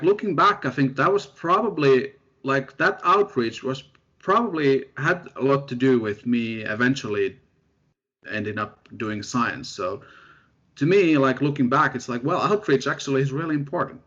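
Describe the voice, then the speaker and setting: A young man from Finland, a postdoctoral researcher telling his story in a relaxed, self-deprecating way as an interview guest. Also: mid-range voice, moderate pace, slightly rough. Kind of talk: casual interview chat. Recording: dull lo-fi audio.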